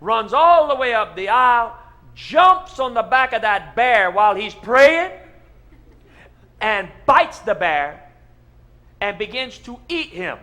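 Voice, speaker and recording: A man's voice: extremely high pitch, animated, pitched above the performer's own voice, exaggerated voice. A man with a Cajun accent voicing an earnest pastor who tells an absurd tall tale in comic storytelling, drawn out and emphatic. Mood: excited, incredulous. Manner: loud, drawn-out, emphatic preaching delivery.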